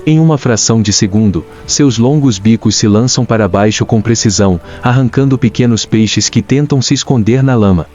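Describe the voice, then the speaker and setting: A man with a Brazilian accent reads scripted nature documentary narration in a measured, dramatic storytelling way. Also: mid-range voice, darkish tone. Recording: dull lo-fi sound with music. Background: clear background music.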